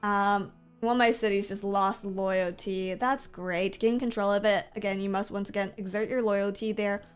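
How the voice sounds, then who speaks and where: A woman's voice: mid-range voice, fairly even intonation, normal speed, clean tone, faint music behind. A woman livestreaming in a casual, chatty way, rambling along and often repeating her phrases as she talks to viewers. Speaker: streamer and VTuber content creator. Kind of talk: casual livestream chat while gaming.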